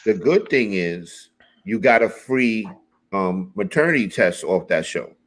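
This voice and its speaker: A man's voice: fairly low pitch, expressive, unhurried. A man co-hosting a talk show, joking and teasing the others in casual banter. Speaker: co-host.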